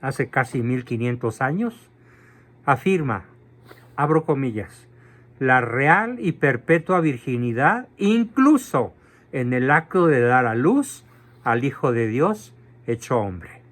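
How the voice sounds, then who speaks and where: Slow, emphatic male catechism lecturer. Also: mid-range voice, big pitch swings. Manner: emphatic, slow and deliberate, spells out terms. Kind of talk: doctrinal lecture.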